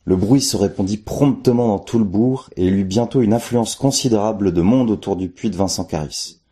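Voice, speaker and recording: A man narrating a folk tale in the first person, in a measured, steady telling. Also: fairly low pitch. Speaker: storyteller.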